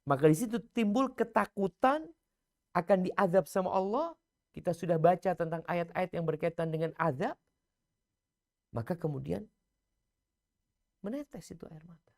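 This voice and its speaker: A man giving a religious lecture, swinging from loud emphasis to hushed, near-whispered lines and chanting scripture slowly. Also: high-pitched, lively intonation. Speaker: preacher.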